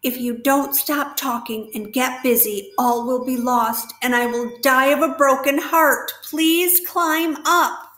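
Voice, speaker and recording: A woman voicing a frantic young male pig who pleads loudly, heard with a roomy echo. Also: sits high, takes it slowly, hardly any pauses, pitched above the performer's own voice. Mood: desperate. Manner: desperate, loud pleading.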